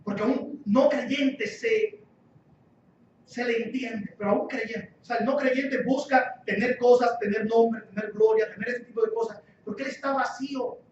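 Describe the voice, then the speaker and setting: A man's voice: very high voice, steady tone, normal speed, a little hiss or hum. A man preaching a sermon as guest pastor, emphatic, repeating key phrases and asking rhetorical questions. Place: church hall. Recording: echoey church hall, distant dull mic.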